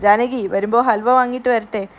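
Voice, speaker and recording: A woman's voice: fairly high pitch, fairly even intonation, fast talker, close to an everyday voice. A woman reading the lines of a cheerful middle-aged man who jokes and teases his family. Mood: jovial. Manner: teasing, jovial.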